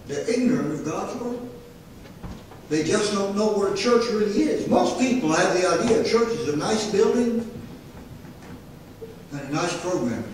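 A man's voice: high voice, a little mellow, slight background noise. A man preaching a sermon as pastor, in a folksy, emphatic way. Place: church sanctuary. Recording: echoey sanctuary, mic far off.

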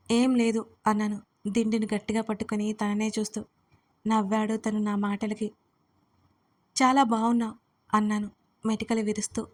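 A woman's voice: medium pitch, darkish tone. A woman narrating a first-person audio story in a playful, dramatic manner.

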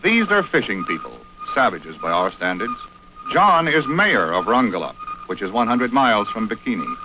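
A man's voice: mid-range voice, huge pitch swings, moderate pace, music in the background, rough recording. Old newsreel man with sweeping delivery. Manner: declamatory, sweeping announcer delivery. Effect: played from an old newsreel. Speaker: newsreel narrator. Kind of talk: 1950s newsreel narration.

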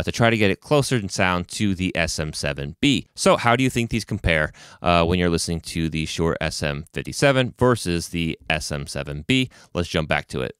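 A nasal-voiced man in his thirties hosts a video testing microphones, chatting casually to camera about gear in a small home studio with frequent fillers. His voice sits low, a bit bright and smooth, picked up by studio microphones close in front of him.

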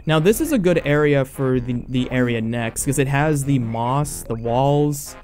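A man's voice: medium pitch, darkish tone, faint music behind. Rambling man narrating his gameplay. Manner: rambling, halting with many fillers and restarts. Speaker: let's play host. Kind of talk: casual gameplay commentary.

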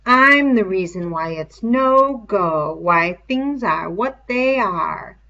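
A woman voices a menacing, fly-covered pig's head that gloatingly taunts a boy, slow and mocking like a stern schoolmaster. Her medium-pitched voice is animated and a bit bright, on a dull lo-fi recording.

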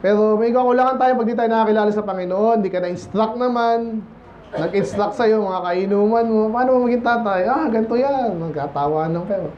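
A man's voice: sits high, brisk, highs cut off, a little hiss or hum. A man preaching a Sunday sermon, casual and conversational, often asking the congregation "Amen?" and mixing in English phrases. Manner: mixes English phrases into Tagalog. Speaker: pastor. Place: church.

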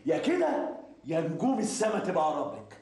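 A man's voice: on the high side, huge pitch swings. An actor playing a domineering, mocking husband who bullies his wife, in an Egyptian accent. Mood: angry. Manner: rapid-fire, bullying, mocking. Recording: echoey room, faint hiss.

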